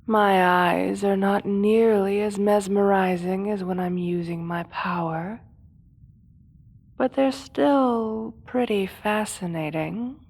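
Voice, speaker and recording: Woman as a slow, menacing, whispery supervillain hypnotist. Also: medium pitch, steady tone. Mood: seductive, hypnotic menace. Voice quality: soft, often dropping to a whisper. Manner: slow theatrical villain menace, coaxing. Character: seductive, manipulative female supervillain hypnotist, gloating captor. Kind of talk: hypnosis audio role-play.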